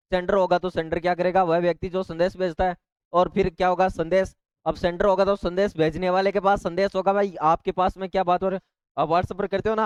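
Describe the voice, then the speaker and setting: A man's voice: high-pitched, clear, resonant tone, no echo, highs cut off. A male teacher, giving an exam-prep lecture and explaining each point with repeated rhetorical questions and asides.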